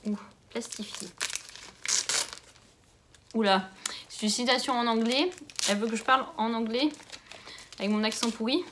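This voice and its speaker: A young woman chatting casually as she unboxes a book swap, gushing over each gift and muttering softly to herself in between. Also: fairly high pitch, moderate pace, pauses often, slight background noise. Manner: gushing, exclamatory. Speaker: book vlogger.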